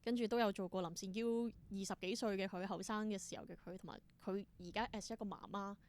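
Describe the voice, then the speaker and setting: A theatre performer with a Hong Kong Cantonese accent tells stories as an interview guest, casual and enthusiastic, sprinkling in English words. Her mid-pitched voice is steady, quick and a little mellow.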